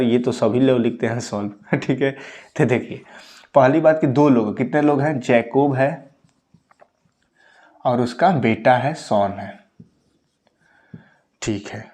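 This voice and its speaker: A man's voice: mid-range voice, darkish tone. A young man teaching a maths lesson, explaining exam problems step by step and checking in with his students again and again. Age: 20s. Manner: repeats points with frequent "ठीक है" check-ins.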